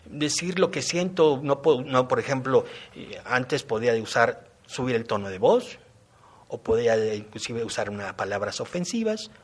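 A man's voice: medium pitch, very animated, normal speed, husky. A middle-aged man, reflecting on his time in a men's non-violence program and explaining his points with everyday examples. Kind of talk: personal testimony.

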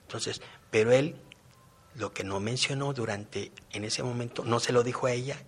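A man's voice: medium pitch, moderate pace, breathy edge. A middle-aged man, reflecting on his time in a men's non-violence program and explaining his points with everyday examples. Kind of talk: personal testimony.

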